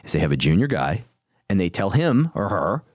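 A man's voice: low-pitched, big pitch swings, a little fast, dry recording, studio quality. A man in a casual podcast conversation, blunt and wisecracking, swearing freely.

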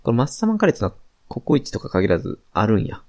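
A man's voice: on the low side, big pitch swings, racing, a little mellow. A young man with a Kansai accent, co-hosting a casual podcast chat and rambling with fillers. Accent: Kansai Japanese. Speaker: podcast co-host.

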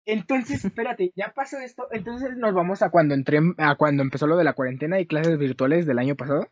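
A young man with a Mexican accent speaks briskly in a slightly high voice, with no echo in the dull, dry lo-fi recording. His casual chat with friends turns into a rambling story full of self-corrections.

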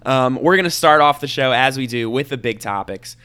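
A man's voice: medium pitch, fairly quick, clean tone. Joking podcast host man. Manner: joking, teasing, trails off quietly. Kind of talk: casual podcast chat.

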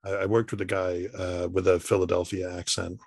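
Male podcast host, low husky voice, halting and thoughtful in casual commentary. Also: monotone, no room sound, clean studio sound. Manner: thoughtful, halting, repeats words.

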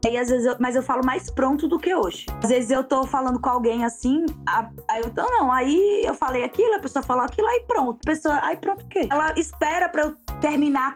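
Woman chatting about slang, kinda high voice, animated, faint music behind. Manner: animated, religious asides, lively acted quotes. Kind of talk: casual chat about regional slang.

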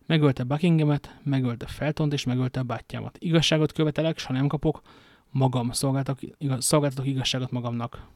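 A man's voice: medium pitch, fairly even intonation, few pauses, darkish tone, no room sound, studio quality, close to an everyday voice. A man reading the part of a vengeful male English lord who demands justice, indignant and formal.

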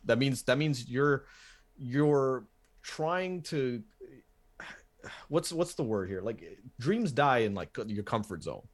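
A man's voice: medium pitch, animated, slow pace. A man in his thirties, a podcast guest, chatting casually with rambling, self-mocking jokes and lots of restarts. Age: 30s.

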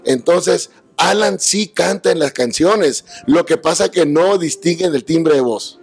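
A man, a guest singer telling anecdotes in an animated way with spoken sound effects. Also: fairly high pitch, measured pace, creaky, husky, faint music behind. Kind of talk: casual interview anecdote.

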